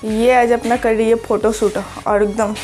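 A woman's voice: a little high, little pitch movement, moderate pace, darkish tone, soft background music. A young woman from Assam, India, chatting casually to her viewers in a home vlog. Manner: chatty, talks to viewers directly. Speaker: vlogger. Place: home, indoors.

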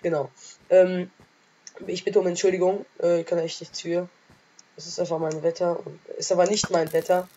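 Excitable trash-talking woman gamer with sore throat. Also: on the low side, moderate pace, dull audio. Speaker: let's play gamer. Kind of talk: casual game commentary.

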